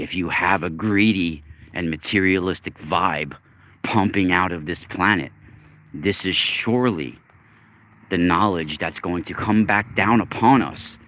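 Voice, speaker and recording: Deep-voiced man livestreaming outdoors. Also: a bit bright. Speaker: livestream host. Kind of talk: casual livestream monologue to viewers. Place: outdoors, walking in snow along a road.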